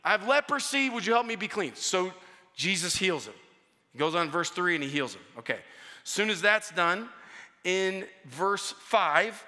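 Pastor guy preaching, high bright voice, big hall echo, keeps repeating himself. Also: normal speed. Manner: energetic, climbs in pitch and volume when acting out scripture voices; repeats words and restarts phrases. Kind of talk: sermon.

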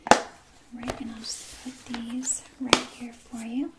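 A young woman plays a polite librarian in an ASMR role-play. Her library soft voice is breathy, gentle and unhurried. Clear background noise and small clicks sit behind her voice. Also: fairly high pitch, little pitch movement. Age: young adult. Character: polite, helpful female librarian at the checkout desk. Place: small room indoors at a desk. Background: clicks and handling noises.

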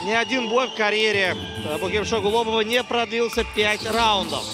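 A man's voice: high-pitched, brisk. A man giving live commentary on a mixed martial arts fight as a broadcast commentator. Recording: loud music and crowd behind voice. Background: loud music and arena crowd.

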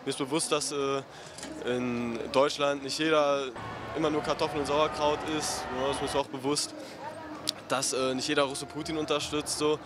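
A young man answering a street interview outdoors, relaxed and matter-of-fact. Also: on the high side, moderate pace, over music. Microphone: handheld interviewer mic.

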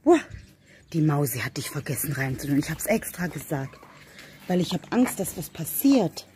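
Low-voiced woman cooing to cats. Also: sing-song, moderate pace, dark tone, slight background noise. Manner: coos and calls to cats in a sing-song voice. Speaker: vlogger feeding pets. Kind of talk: casual vlog talk to animals and viewers.

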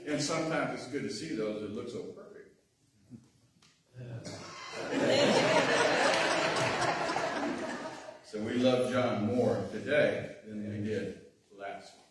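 A man's voice: medium pitch, very animated, slow, long pauses, heavy background noise. A man giving a folksy, self-deprecating lay sermon with frequent chuckles in a church. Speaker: lay speaker. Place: church sanctuary. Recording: echoey church from far off.

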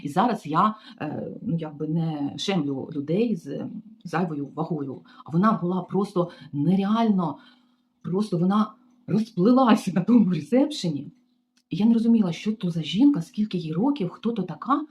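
A woman's voice: fairly low pitch, animated, moderate pace, darkish tone. A woman from Ukraine tells a story about her work as a hotel maid in a casual vlog, talking in a chatty way and turning to her viewers with frequent asides. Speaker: vlogger recounting her job as a hotel maid.

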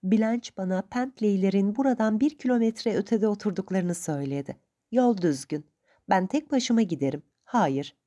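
A woman reading the lines of a spirited, proud young woman, speaking quickly and emphatically in a raised voice. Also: medium pitch, expressive, dark tone, lo-fi sound, voice pushed up, lightly acted.

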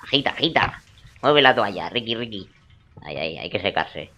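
A man's voice: low voice, expressive, normal speed, sharp tone, lo-fi sound. A young man giving joking, crude gameplay commentary in a teasing, playful way. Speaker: let's play gamer.

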